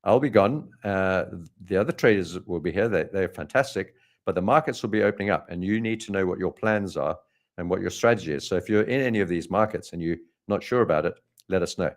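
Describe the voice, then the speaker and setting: A man's voice: low voice, brisk. A man with a South African accent giving live trading commentary over charts, thinking aloud with frequent ums and self-corrections. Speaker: trader hosting a live market stream.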